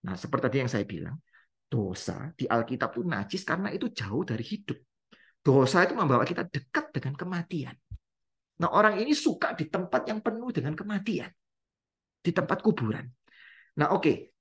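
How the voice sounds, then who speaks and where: A man leads a Bible study as a preacher, putting questions to his listeners and answering them himself. His voice is husky and breathy, and his pitch rises and falls in a lively way as he repeats key words for emphasis. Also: normal speed.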